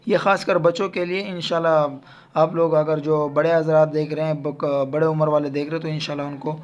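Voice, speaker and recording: A man's voice: a little high, little pitch movement, highs cut off. A man with a Pakistani Urdu accent teaching Quran letter pronunciation to children, stretching out each letter sound between explanations.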